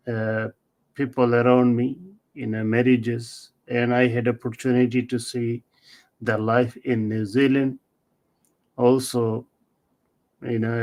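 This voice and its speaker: A middle-aged man answers interview questions. His pitch sits in an ordinary middle range. He speaks very slowly, in a measured and halting way, and often pauses on fillers. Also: darkish tone. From Bangladesh. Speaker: author and marriage celebrant, interview guest.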